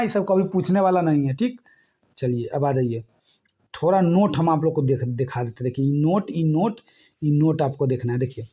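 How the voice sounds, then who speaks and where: Brief: male exam-prep teacher, high voice, keeps asking the class "right?". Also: mellow. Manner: repetitive, keeps checking "ठीक है?" with listeners.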